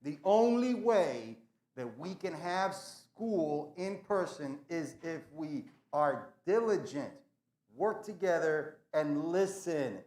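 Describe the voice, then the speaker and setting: A man's voice: on the high side, lively intonation, slow pace, a little mellow. A man addressing students in the school's morning announcements, earnest and emphatic, often repeating phrases for emphasis. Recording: echoey room.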